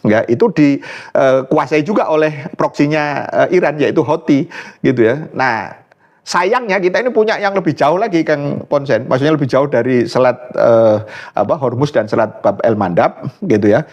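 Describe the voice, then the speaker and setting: A man's voice: fairly high pitch, lively intonation, normal speed, lo-fi sound. A man, a guest scholar giving political commentary in an interview, earnest and often searching for words with fillers and restarts. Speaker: guest speaker, Islamic scholar.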